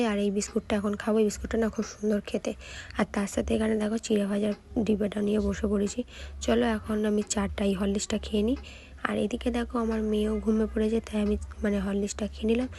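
Fast-talking woman, vlog voice-over. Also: medium pitch, level tone, warm tone. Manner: chatty, talks viewers through the day. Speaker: vlogger. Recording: voice-over with music behind.

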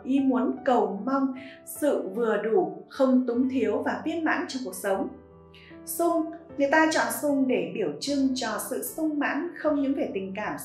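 Higher-voiced woman narrating, roomy echo. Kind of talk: scripted narration. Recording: roomy echo with faint music.

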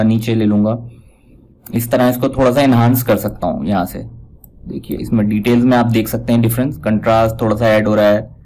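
A man giving a casual step-by-step software tutorial, pointing out each step as he goes. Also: mid-range voice, rough recording. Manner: talks step by step, repeats "dekhiye" while pointing things out. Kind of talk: casual screen-recorded tutorial.

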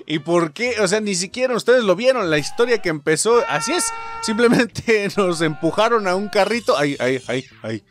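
A young man commentating a video game, shouting, laughing and swearing as he plays. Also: high voice, animated, normal speed, few pauses. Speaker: gaming youtuber. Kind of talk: excited gameplay commentary. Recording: game music behind the voice.

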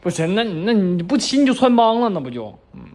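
A woman's voice: mid-range voice, very animated, quick pace, a little mellow, close to an everyday voice. A woman playing a cheeky, eager, stammering young friend posing as a boyfriend in a comedy skit. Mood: cheeky, coaxing. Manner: bumbling, stammering, giggly.

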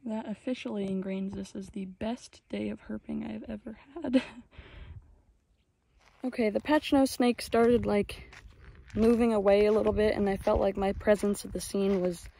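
Excited young woman vlogging outdoors. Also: medium pitch, vocal fry, poor audio. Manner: excited and amazed, fast chatty asides. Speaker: herping vlogger. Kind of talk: casual outdoor nature vlog. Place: outdoors in open desert.

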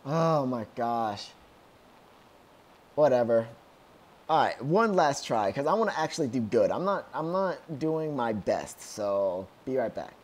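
Excitable young man with a lively voice. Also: mid-range voice, normal speed. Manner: excitable, yelling when things go wrong. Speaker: gameplay commentator. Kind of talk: casual gameplay commentary. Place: at home, outside his room.

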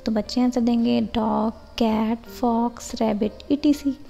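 A woman with an Indian accent explaining a lesson plan step by step, reading English example lines slowly and carefully. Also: on the high side, fairly even intonation, vocal fry, mellow. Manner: reads quoted English lines very slowly and deliberately. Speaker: teacher-training tutor. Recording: muffled with long reverb, music behind.

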